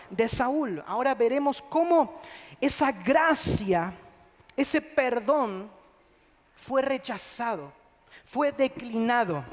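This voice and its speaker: High-voiced Argentine preacher in a reverberant hall. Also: male voice. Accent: Argentine Spanish. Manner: dynamic delivery, swings from soft asides to loud outbursts. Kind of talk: sermon. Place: church hall. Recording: long reverb of a church hall.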